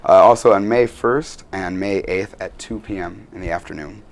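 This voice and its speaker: A man's voice: low-pitched, moderate pace. A young man, a student actor, answering interview questions in an earnest, rambling way with many fillers.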